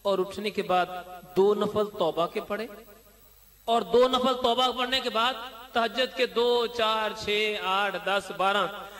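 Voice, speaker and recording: A man's voice: very high voice, a bit bright. A man preaching a sermon, exhorting listeners with chanting repetition. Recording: long hall reverb.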